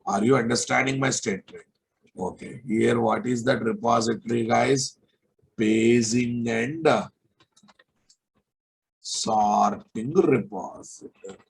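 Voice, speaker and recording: A man teaching a live online software class, sternly repeating phrases and checking that students follow. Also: medium pitch, steady tone, measured pace, creaky, husky, poor audio. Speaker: programming instructor.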